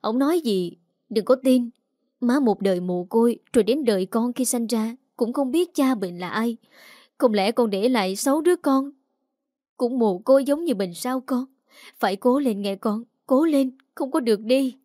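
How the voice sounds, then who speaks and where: A woman's voice: medium pitch, moderate pace, warm tone, no echo, studio quality, close to an everyday voice. A woman voicing a grieving, poor-sighted old village grandmother who wails and pleads. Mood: pleading grief. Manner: wailing, pleading.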